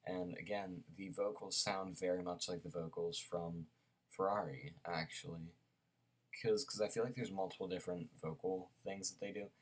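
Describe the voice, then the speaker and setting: A man's voice: sits low, fairly even intonation, moderate pace. A young man casually reviewing an album, rambling with lots of fillers and restarts, a bit sleepy. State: sleepy, yawning.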